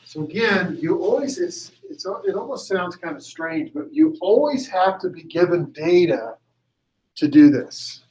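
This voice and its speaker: A man's voice: sits high, animated, a little slow, a little mellow, poor audio. Chatty chemistry teacher man. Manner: chatty, joke-telling, self-correcting. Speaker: high school chemistry teacher. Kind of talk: classroom lecture. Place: classroom.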